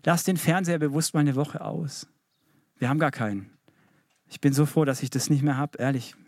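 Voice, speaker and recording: A man's voice: a little high, steady tone, a little fast, a little mellow, dry recording, studio quality. A middle-aged man preaching a sermon in church as the pastor, emphatic and building to fervent appeals.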